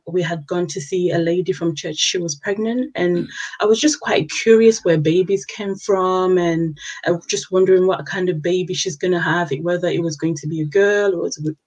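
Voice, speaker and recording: A woman's voice: on the low side, darkish tone, lo-fi sound. A woman from Zimbabwe, a guest on a talk show, telling her story with many hesitant ums. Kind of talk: casual chat.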